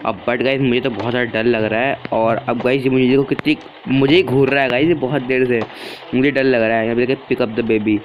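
A man's voice: medium pitch, level tone, fairly quick, dull audio, noisy background. A man, chatting casually to viewers as he plays a horror game. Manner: chatty, keeps addressing viewers as guys. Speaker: gaming YouTuber. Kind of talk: casual let's-play commentary. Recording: game music behind. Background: game music.

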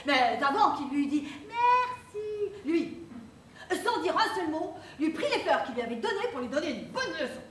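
A woman's voice: big pitch swings, moderate pace. A woman playing a prim married guest in a stage play, reciting little stories in a declamatory, mock-earnest way. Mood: recitative. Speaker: amateur stage actor. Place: theatre stage. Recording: echoey theatre, distant mic, faint rumble.

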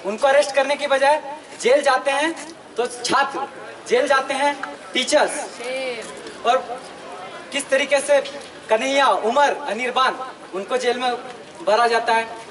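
A student activist in his twenties with an Indian accent gives an earnest, emphatic political protest speech with halting phrasing, his voice very high-pitched and fairly bright. It's night at an open outdoor protest gathering, and his handheld microphone is picked up by a distant camera. The result is distant public-address sound with crowd noise around him.

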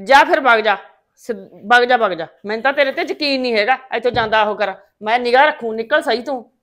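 An actress playing a sharp-tongued, bossy village mother-in-law who scolds and mocks. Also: fairly high pitch, natural voice. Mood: dismissive. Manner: scolding, mocking, quick to insult. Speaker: domineering mother-in-law in comic drama.

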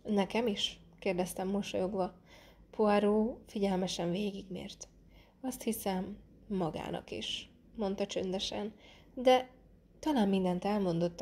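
A woman narrating a classic detective novel as an audiobook, reading in a calm, measured way and lightly voicing the characters. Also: medium pitch, creaky.

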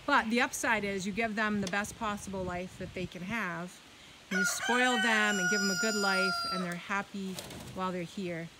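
A woman's voice: fairly even intonation, normal speed. A middle-aged woman from Maine hosting a casual farm tour outdoors, chatting and explaining as she walks. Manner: chatty, coos at animals in a high voice. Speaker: farm vlog host. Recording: loud outdoor noise with clucking chickens.

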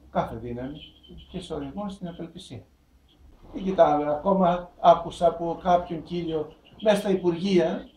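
A man's voice: a little high, darkish tone, far from the mic, a little hiss or hum. A middle-aged man preaching a sermon, full of rhetorical questions in a conversational tone. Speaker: bishop preaching. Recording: roomy hall, voice from afar.

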